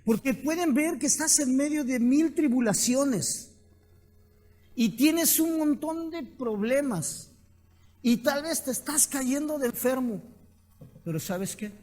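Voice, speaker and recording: High-voiced Mexican pastor preaching. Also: male voice, slow pace. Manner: animated storytelling with rhetorical questions. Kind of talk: sermon.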